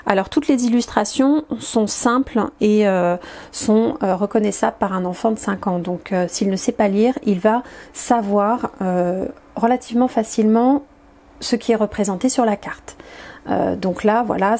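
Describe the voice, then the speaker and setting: Woman presenter, warm mellow tone, hesitant and explanatory, demonstrating a card game. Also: mid-range voice. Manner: hesitant, explanatory, many filler pauses.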